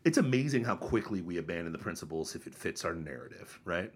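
Animated husky-voiced man ranting. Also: fast. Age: 30s. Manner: animated, mocking, mimics others in high voices. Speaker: podcast co-host. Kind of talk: casual opinion chat.

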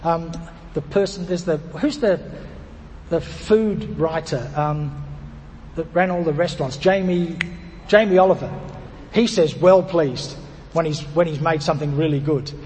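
A man's voice: a little high, unhurried, darkish tone, long reverb tail, slight background noise. A man preaching a sermon in a conversational way, repeating phrases and restarting as he thinks aloud. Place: church.

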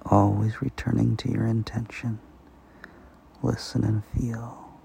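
A man softly guiding a sleep meditation, speaking slowly and slipping into whispers. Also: on the low side, level tone, gravelly, slight background noise. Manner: slow, soft-spoken, partly whispered. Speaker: meditation guide.

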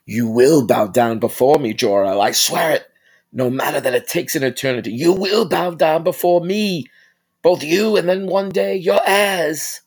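A man's voice: a little high, moderate pace, breathy edge, pitched above the performer's own voice. Man doing a vengeful alien warlord. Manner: loud, raised and declaiming. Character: vengeful, arrogant male alien warlord general.

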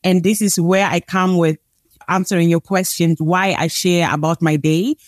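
A woman's voice: lowish voice, fairly even intonation, normal speed, dry recording, studio quality. A woman from Angola who grew up in Germany, talking reflectively and openly about herself as a podcast guest. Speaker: podcast guest, business owner. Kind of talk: conversational interview.

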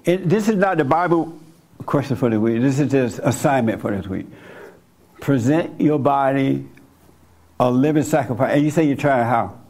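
A man's voice: medium pitch, animated, moderate pace, darkish tone. A man leading a group as a spiritual teacher, speaking bluntly and colloquially while taking questions. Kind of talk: informal teaching with audience questions.

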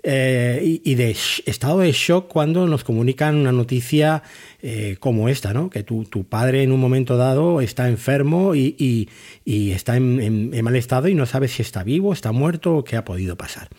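A man's voice: mid-range voice, lively intonation, moderate pace, a little mellow. A man hosting a podcast, reviewing TV series with thoughtful enthusiasm. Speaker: podcast host.

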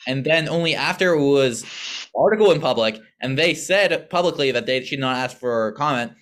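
A man's voice: medium pitch, animated, brisk, a bit bright. A young man co-hosting a casual podcast, explaining things in a wry way with sarcastic asides. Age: young adult. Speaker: podcast co-host.

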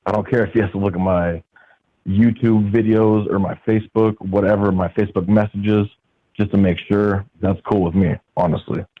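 A man with a strikingly deep, low voice that can sound menacing. He chats casually as a caller, feeling his way through his sentences. The sound is dry and narrow, like a call-in line on the radio. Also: fairly even intonation, normal speed, dry recording. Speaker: caller to a talk show. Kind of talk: casual chat.

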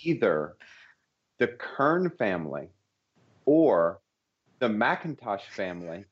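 A man's voice: fairly low pitch, sing-song, slow, husky, dull audio. A man co-hosting a podcast in casual, bantering conversation. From southern United States, Atlanta area. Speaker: podcast co-host.

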